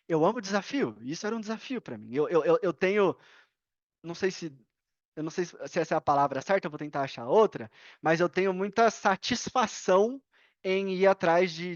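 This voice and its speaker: A Brazilian man with a Brazilian Portuguese accent, telling a personal story as a podcast guest in an animated, slangy way. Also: a little high, no room sound, highs cut off. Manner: animated, slangy, laughs and self-corrects often. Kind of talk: casual storytelling.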